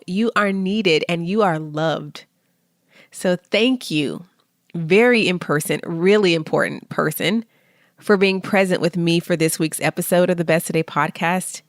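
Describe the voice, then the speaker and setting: A woman hosting a podcast, giving a motivational monologue with slow, deliberate affirmations spoken straight to the listener. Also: fairly low pitch, dry recording, studio quality. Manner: encouraging, speaks directly to the listener. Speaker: podcast host.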